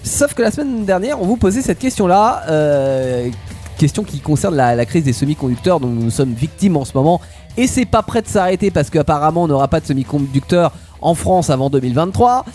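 A man's voice: a little high, animated, a little fast, dark tone, faint music behind. A man hosting a casual radio show, presenting segments and explaining them at length.

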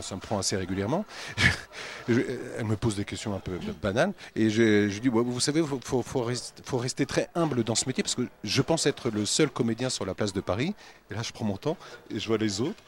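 Middle-aged French voice actor telling a story. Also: male voice, mid-range voice, animated, normal speed, a little hiss or hum. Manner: rambling storyteller with many fillers. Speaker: guest voice actor. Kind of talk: casual anecdote telling.

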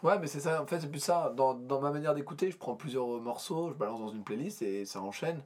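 A man's voice: mid-range voice, fairly quick, darkish tone. A man co-hosting a casual podcast chat about metal bands, talking in a hesitant, rambling way with many restarts. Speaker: podcast co-host.

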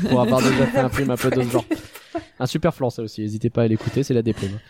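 A man's voice: mid-range voice, fast talker, crowd noise. A man with a Parisian French accent hosts a casual film discussion, talking in a slangy, jokey, self-mocking way. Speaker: podcast host.

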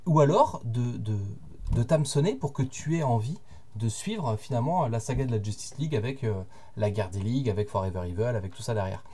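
A man co-hosting a podcast, explaining his view in measured casual chat with hesitant fillers. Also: mid-range voice, expressive, mellow, a little hiss or hum. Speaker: podcast co-host.

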